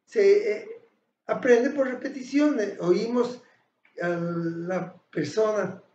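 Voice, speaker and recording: Slow, high-voiced male teacher. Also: darkish tone, slight background noise. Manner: slow, deliberate, with pauses and self-corrections. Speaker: English teacher. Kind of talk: explanatory lesson. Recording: echoey, dull lo-fi room sound.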